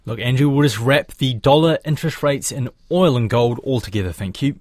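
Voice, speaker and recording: A man's voice: medium pitch, fairly quick, darkish tone, dry recording, studio quality. A man presenting scripted business news on the radio and putting questions to guests. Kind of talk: scripted news reading and interviewing. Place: dry studio.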